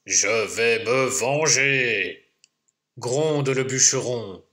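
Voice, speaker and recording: A man's voice: on the high side, expressive, slow, pushed and bright, full character voice. A man voicing a big, vengeful male woodcutter in a children's tale, swearing oaths and growling threats. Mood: grumbling threats.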